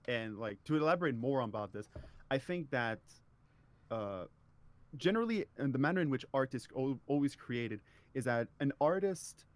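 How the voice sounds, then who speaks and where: A man guest on a podcast, talking thoughtfully and at length, often restarting his sentences. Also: mid-range voice. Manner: long-winded, thoughtful, frequent restarts. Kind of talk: casual podcast conversation.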